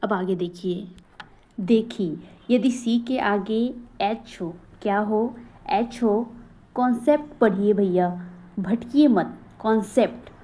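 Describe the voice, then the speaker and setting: A woman's voice: medium pitch, dark tone, poor audio. A woman teaching an English phonics lesson, asking questions and answering them herself, with encouraging asides. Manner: slow, drilling questions and repeating answers; breaks into recited motivational verse.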